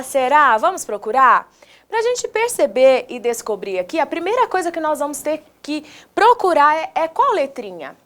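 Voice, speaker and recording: A woman with a Brazilian Portuguese accent teaching young children in a recorded video lesson, sounding words out slowly, syllable by syllable, and asking the viewers questions in an encouraging, sing-song teacher voice. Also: high-pitched, a bit bright. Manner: slow, exaggerated syllable-by-syllable pronunciation with questions to the viewers.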